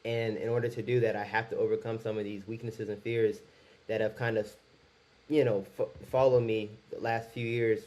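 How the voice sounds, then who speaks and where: In his first video, a YouTuber in his twenties talks candidly to camera, rambling a bit and restarting sentences. His voice is lowish and darkish, with a level tone and moderate pace.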